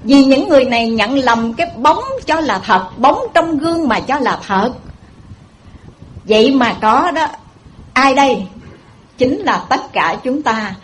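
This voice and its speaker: A woman's voice: sits high, lively intonation, unhurried, slight background noise, poor audio. A woman with a Southern Vietnamese accent giving a Buddhist dharma talk, telling a folksy story and addressing listeners directly. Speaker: Buddhist preacher.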